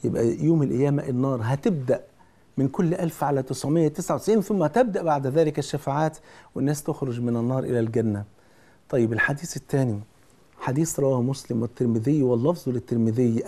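A man's voice: mid-range voice, mellow. A man with an Egyptian Arabic accent preaching a sermon, earnest and speaking straight to the listener with repeated pleas.

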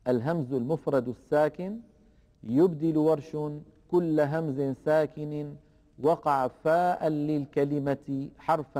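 A man gives a careful lesson on Quranic reading rules, pausing to draw out example words. His voice sits a little high but sounds mellow and soft-edged. A long reverb trails behind him, as if he were recorded in a large hall. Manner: slow, deliberate explanation, drawing out example words. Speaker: Quran recitation teacher.

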